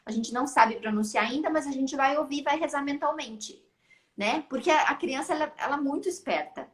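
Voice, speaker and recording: A middle-aged woman speaks as a guest teacher, her voice a little higher than most. She explains patiently and repeats herself, often tagging "né?". The sound is roomy and echoey. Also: brisk, a bit bright. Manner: patient, repeats advice, frequent "né?". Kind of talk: casual explanatory talk on a live stream.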